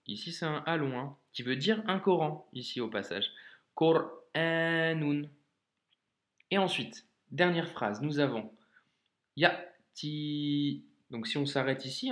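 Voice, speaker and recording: A man teaching Arabic reading in a video lesson, patient and repetitive, often checking the viewer follows. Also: mid-range voice. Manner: patient, repeats words slowly, frequent check-ins.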